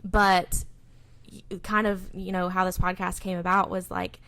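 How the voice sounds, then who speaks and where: A woman's voice: lowish voice, flat delivery, unhurried, fairly bright tone. Casting: young woman, salon owner co-hosting a chatty podcast, rambling delivery. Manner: rambling, filler-heavy. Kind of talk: casual chat.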